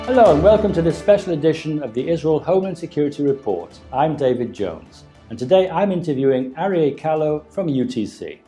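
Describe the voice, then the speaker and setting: A man's voice: fairly high pitch, expressive, brisk, hardly any pauses, dark tone, faint music behind. A man in his fifties hosting a scripted broadcast interview in a TV studio, speaking into a lapel mic. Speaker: interviewer and programme host.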